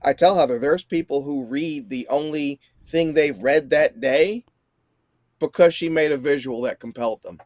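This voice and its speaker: A forty-year-old man chats as a guest with animated emphasis. His voice sits fairly high, and the recording is dry. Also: moderate pace, dry recording. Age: 40s. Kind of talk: casual chat.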